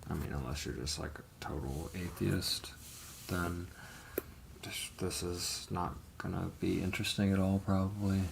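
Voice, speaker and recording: Low gravelly guy rambling slow on a live stream, lots of ums, some swearing. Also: fairly even intonation, background noise. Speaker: livestream host telling his life story. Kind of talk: casual live testimony.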